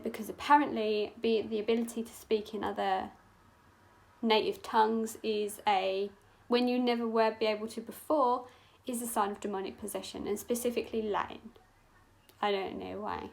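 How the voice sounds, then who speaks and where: Young woman, makeup artist, unhurried and dramatic storyteller, a touch high-pitched, casual and sweary. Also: gravelly, poor audio.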